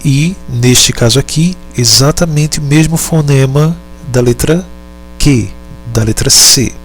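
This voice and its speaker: A man teaching a lesson, speaking deliberately, pausing often and correcting himself. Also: medium pitch, vocal fry, a little hiss or hum. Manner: deliberate, halting, repeats and self-corrects. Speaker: Latin teacher. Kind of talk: slow explanatory lesson.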